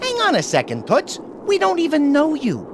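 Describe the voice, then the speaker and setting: High, swooping wisecracking bat sidekick. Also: female voice, wildly swooping pitch, moderate pace, heavily acted. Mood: suspicious, sarcastic. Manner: sarcastic, wordy wisecracks. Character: wisecracking, suspicious small male bat sidekick. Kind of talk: video game voice acting. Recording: music behind the voice. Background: music.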